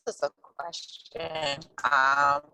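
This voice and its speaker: A woman's voice: deep voice, steady tone, slow, noisy background. A woman calling in while driving home, speaking hesitantly and apologetically as her call audio breaks up and cuts in and out. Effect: call audio breaking up and cutting in and out. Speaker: caller asking about insurance. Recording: distant, dropping call audio.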